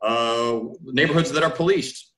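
A man's voice: medium pitch, unhurried, a bit bright. A man speaking as a historian guest on a video call from a home room, thoughtful and explanatory, often ending points with "right?". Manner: thoughtful, restarts phrases, frequent "right?" tags. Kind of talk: academic discussion on a video call. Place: home room with framed pictures. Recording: roomy video call audio.

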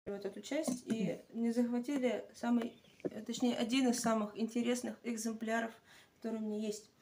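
A woman's voice: on the high side, steady tone, normal speed, noisy background. A woman chatting casually about her houseplants at home, with lots of fillers and restarts. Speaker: plant collector showing her plants. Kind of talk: casual chat. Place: home, indoors among houseplants.

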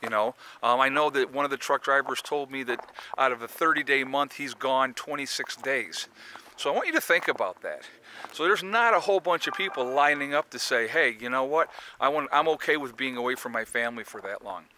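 A man's voice: mid-range voice, animated, brisk, bright, forceful tone, slight background noise. A man in his forties vlogging outdoors on a snowy rural property, talking earnestly and rambling to viewers he calls folks, into a phone held at arm's length while he walks. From United States. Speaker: prepping vlogger. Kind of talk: casual vlog monologue. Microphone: phone camera held at arm's length while walking.

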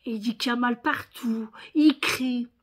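This tired woman vlogger chats casually with a northern French accent, filling her talk with fillers and little tags. Her voice sits a little high and moves a little slowly.

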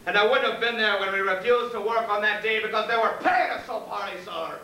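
A man's voice: high voice, fairly quick, sharp tone. An actor playing a nervous, groveling Irish convict hangman who rambles on and calls everyone sir, in a live stage play. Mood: rambling. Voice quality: wheedling, deferential, endlessly says sir. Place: theater stage. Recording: echoey theater, mic far off, faint hiss.

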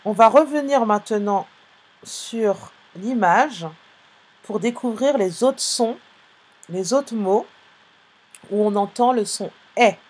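In a live online class, a woman teaches young pupils phonics in a slightly mellow, medium-pitched voice. She's patient, speaking slowly and clearly while spelling out letters and their sounds.

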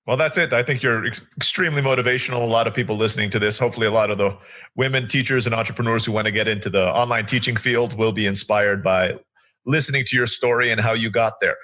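A man's voice: medium pitch, fast talker, sharp tone. A man with an American accent, from the Middle East, talking conversationally as a podcast host. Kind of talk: conversational interviewing.

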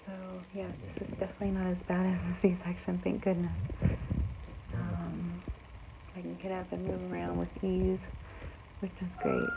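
A middle-aged woman talking casually and haltingly in a home video diary, often trailing off. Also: fairly low pitch, monotone, creaky. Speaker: vlogger. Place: bedroom at home. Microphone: phone at arm's length. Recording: noisy amateur home phone recording.

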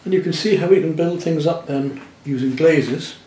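Gentle man teaching watercolour. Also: on the high side, normal speed, reverberant. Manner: gentle, chatty, thinking aloud while painting. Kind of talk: painting demonstration narration. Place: indoor studio at the easel.

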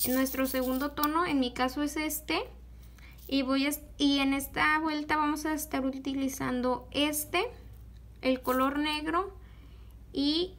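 Slow, patient high-voiced woman teaching crafts. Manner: slow, patient, with many fillers like "este". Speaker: beadwork tutorial host. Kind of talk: step-by-step craft tutorial.

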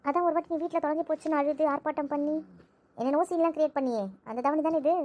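A woman's voice: high voice, steady tone, very fast, muffled recording, close to an everyday voice. A woman playing a chatty, gossipy young relative in an amateur audio drama, rattling on with complaints.

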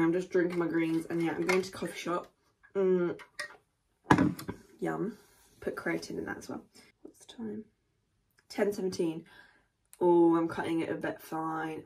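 A woman's voice: fairly low pitch, little pitch movement, moderate pace, creaky, long pauses, a little mellow, breathy edge. A young woman, chatting casually in a rambling daily vlog. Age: young adult. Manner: chatty and rambling, full of fillers. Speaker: vlogger.

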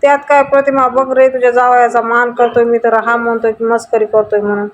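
A woman's voice: a little high, flat delivery, fairly quick, slight background noise, natural voice. A woman voicing a jovial middle-aged uncle who jokes and teases. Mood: joking. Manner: joking, teasing. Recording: dull lo-fi audio.

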